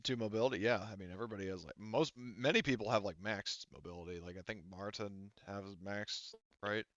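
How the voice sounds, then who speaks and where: A man acting as game master in a tabletop game chats casually while explaining the rules, halting and correcting himself as he goes. His voice is fairly low and fairly bright. The recording is dry with no room sound and has a lo-fi quality.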